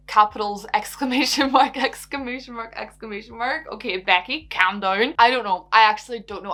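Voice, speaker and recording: A young Irish woman with a Donegal accent, chatting away to her camera in a cosy home vlog. She is bubbly and giggly, rambles happily and drops in the odd swear, in a voice of ordinary pitch for a woman. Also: a bit bright. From Ireland. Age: young adult. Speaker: YouTuber answering viewer questions.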